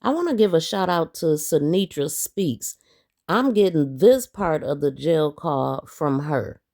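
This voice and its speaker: A woman's voice: low voice, lively intonation, a little slow, darkish tone. A woman giving casual true-crime commentary for an online channel in a questioning, emphatic way. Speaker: YouTube commentator.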